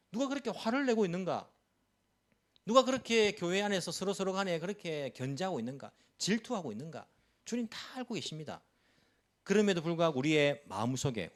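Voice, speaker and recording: A male pastor delivering a church sermon, pressing his point with repeated rhetorical questions. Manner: pitch rises and drops sharply for emphasis. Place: church service.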